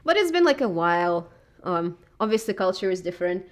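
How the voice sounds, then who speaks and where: Speaking a little fast, this woman has a lowish voice with wide swings in pitch. In her thirties and from southern Russia, she's a YouTuber with a Russian accent giving an interview in a loose, hesitant way, leaning on lots of fillers.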